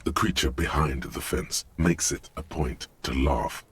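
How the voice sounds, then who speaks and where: A man's voice: rumbling low, unhurried, fairly bright tone, slight background noise. A man voicing the grim inner voice of a game's hero, narrating in the second person with a dry, sardonic manner. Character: deep inner voice of the mind, grim and cutting. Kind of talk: video game narration.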